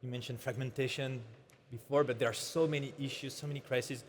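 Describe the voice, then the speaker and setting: A male moderator asking questions on a conference stage, halting and stopping to restart. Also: medium pitch, fairly even intonation, big-room sound, a little hiss or hum. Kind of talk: hesitant stage interview.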